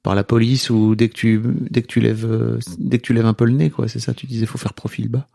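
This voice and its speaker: Fast-talking, flat-voiced man host. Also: medium pitch, vocal fry, no room sound, studio quality. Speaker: podcast host. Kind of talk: interview questions.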